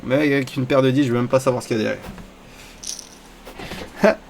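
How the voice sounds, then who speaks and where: A man narrates his own online poker session as it unfolds, half to himself and half to the players. His talk is casual and crude. Every bad bet sends his voice up into a sudden high-pitched squeal. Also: steady tone, a little fast, gravelly, a little hiss or hum. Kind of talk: live gameplay commentary.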